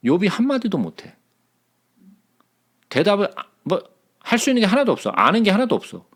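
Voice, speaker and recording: Gravelly man leading a lively Bible study. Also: high voice, fairly quick. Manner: conversational, checks in with listeners often.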